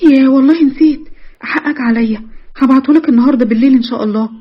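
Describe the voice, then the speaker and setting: A woman voicing a shy, nervous young college girl with an Egyptian accent, pitching her voice high and jittery. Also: rapid-fire, slightly rough, dull audio. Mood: flustered. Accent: Egyptian Arabic.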